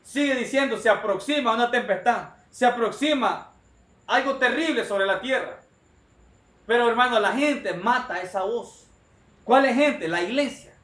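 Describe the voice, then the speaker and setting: A man's voice: high voice, fairly bright tone. A male preacher delivering a sermon in an emphatic, repetitive manner, often calling his listeners brother. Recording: echoey room.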